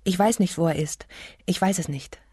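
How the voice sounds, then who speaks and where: Fearful young mother, timid, stammering, read by a woman, husky. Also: fairly low pitch, moderate pace, mellow, dry recording, studio quality. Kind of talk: audiobook reading.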